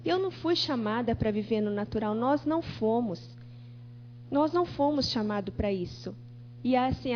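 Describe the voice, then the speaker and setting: A woman preacher giving a sermon in church, telling her story and acting out the conversations in it. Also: on the high side. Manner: animated storytelling, acting out dialogue. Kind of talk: testimony sermon. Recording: dull church TV recording with faint hum.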